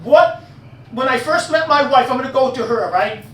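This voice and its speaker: A man's voice: very high-pitched, expressive, normal speed, a bit bright. A man doing live stand-up in a werewolf persona, telling crude punchline jokes, working the crowd and laughing at his own gags. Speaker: stand-up comedian. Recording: echoey room heard from a distance.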